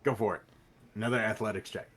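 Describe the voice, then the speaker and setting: A man narrating as game master of a tabletop game, calling for checks and describing the action in a relaxed, matter-of-fact way. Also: lowish voice, quick pace, slightly rough. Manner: relaxed, matter-of-fact rules talk with fillers.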